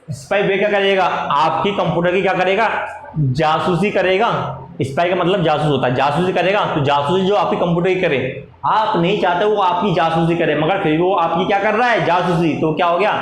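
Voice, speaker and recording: A man teaching a class, dictating notes slowly, repeating phrases and answering his own questions in a lower voice. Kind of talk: classroom lecture. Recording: echoey room with faint noise.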